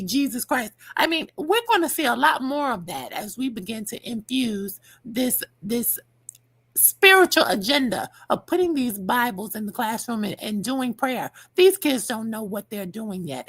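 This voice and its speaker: A middle-aged American woman speaks in a high, slightly husky voice with dental retainers in. Her delivery swings widely as she gives emphatic commentary on a discussion panel. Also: fairly bright tone.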